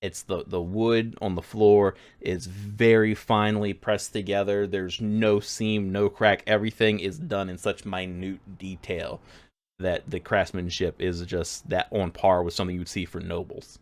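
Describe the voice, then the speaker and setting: A man's voice: deep voice, flat delivery, measured pace. A man narrating a tabletop game as game master, rambling with lots of fillers. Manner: rambling, filler-heavy, laughs a lot.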